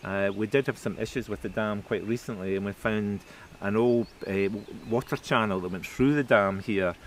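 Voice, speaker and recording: A middle-aged man talks as a tour guide in a slightly deep voice. He is recorded outdoors on location, with noticeable ambient noise behind him. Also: moderate pace. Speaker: distillery guide. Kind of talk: explanatory tour talk. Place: outdoors by a dam and pond.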